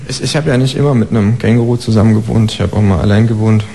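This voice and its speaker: A man reading his own comic stories aloud in a dry, deadpan first-person narration. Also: on the low side, racing, creaky, background noise. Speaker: author reading.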